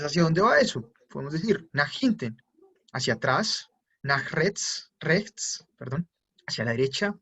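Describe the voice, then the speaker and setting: A man's voice: a little high, fairly bright tone, husky. A man teaching a German class, who patiently repeats each word pair and checks for questions. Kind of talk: live online class explanation. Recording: muffled lo-fi audio.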